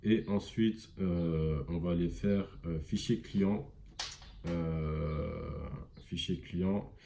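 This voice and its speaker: A man giving a casual screen-recorded software tutorial, rambling with many fillers and self-corrections. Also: low voice, fairly even intonation, drawn-out words, a little hiss or hum. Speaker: e-commerce tutorial presenter.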